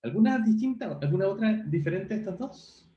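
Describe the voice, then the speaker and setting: A man's voice: high-pitched, expressive, fairly quick, slight background noise. A male teacher giving an online class, asking his students questions and checking their understanding as he goes. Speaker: university teacher. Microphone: video call. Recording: roomy, dull lo-fi call audio.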